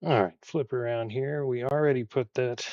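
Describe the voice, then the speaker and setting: A man's voice: mid-range voice, normal speed, dry recording, muffled recording. A man with a Texan accent chatting casually on a live stream while building Lego, rambling with lots of fillers. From Texas. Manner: relaxed, rambling with many fillers.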